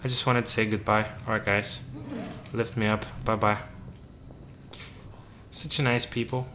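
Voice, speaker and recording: A man's voice: lowish voice, flat delivery, a little slow, sharp tone, a little hiss or hum. A man giving casual gameplay commentary, joking and talking to the game's characters as if they were his crew. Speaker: let's play gamer.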